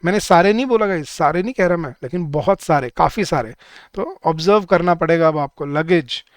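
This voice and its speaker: A man teaching a live online class for bank exam students, speaking Hindi, repeating each word slowly and drilling the rules, with words said. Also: on the high side, no room sound.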